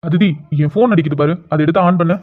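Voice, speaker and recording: A woman voicing a calm young man who brushes off worry in a reassuring way. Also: lowish voice, quick pace, voice pushed down, natural voice. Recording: tinny phone-like lo-fi sound.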